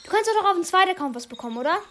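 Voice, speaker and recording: Fast-talking high-voiced young woman. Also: slight background noise. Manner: chatty, quick, excitable. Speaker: podcast host. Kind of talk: casual gaming chat. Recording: music playing behind.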